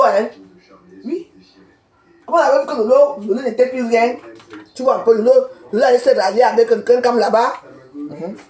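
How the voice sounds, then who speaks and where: On a live video, a social media commentator from Cameroon launches into a heated rant, calling people out by name and saying the same things over again. She speaks on the high side with a darkish tone, in a room with noticeable echo.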